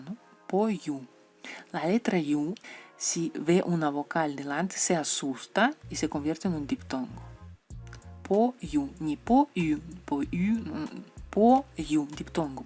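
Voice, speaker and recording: Woman teaching letters, deep-ish voice, says sounds over and over, soft music behind. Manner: repeats example sounds slowly, playful asides. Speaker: Russian language teacher. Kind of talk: explaining letters and their pronunciation.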